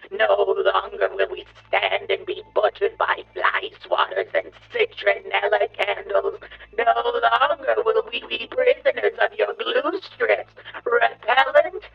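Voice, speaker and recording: A man voicing a scheming, cruel male insect villain who reads his plans aloud like a pompous journal, in a gravelly, raspy voice on a dull, lo-fi recording. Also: mid-range voice, heavily acted. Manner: pompous, theatrical journal narration. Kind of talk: dark comedy audio story.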